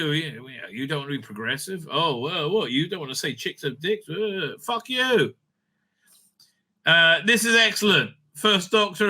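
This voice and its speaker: An online commentator reviewing audio drama releases talks off the cuff in a high, pushed, bright male voice. He's sweary, sarcastic and exasperated.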